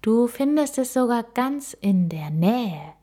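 A woman voicing a wise old female owl in a storybook reading, speaking calmly and gently. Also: a little high, voice pushed up. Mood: gentle. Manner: calm, gentle and unhurried.

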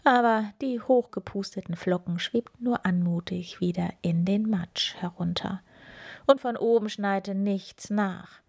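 Slow breathy whispering woman. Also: mid-range voice. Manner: slow, gentle, addresses children. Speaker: storyteller reading a picture book. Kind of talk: whispered role-play.

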